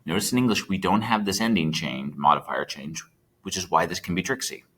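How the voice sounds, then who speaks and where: A man teaches a recorded Spanish lesson in a low, slightly bright voice at a fairly quick pace. He's chatty, checking in with his students while he types.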